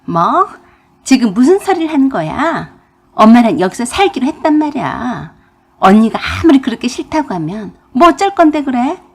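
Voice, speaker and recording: A woman's voice: high voice, big pitch swings, measured pace, voice pushed up. A woman voicing a rude, spoiled young sister-in-law who talks back in a snippy, defiant way in a radio drama.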